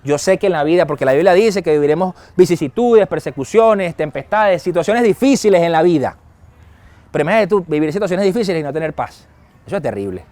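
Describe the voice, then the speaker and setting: A man preaching a sermon as pastor, lively and acting out quoted dialogue. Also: fairly high pitch, fast. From Venezuela. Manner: lively, acts out quoted dialogue and chuckles often.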